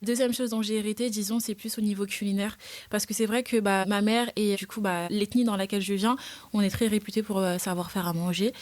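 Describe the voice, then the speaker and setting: A young woman in her twenties with a French accent speaks as a podcast guest. She is relaxed and colloquial and pokes gentle fun at herself. The voice is recorded close and dry. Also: mid-range voice, fairly quick, no echo. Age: 20s. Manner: relaxed, colloquial, self-deprecating. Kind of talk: casual interview chat.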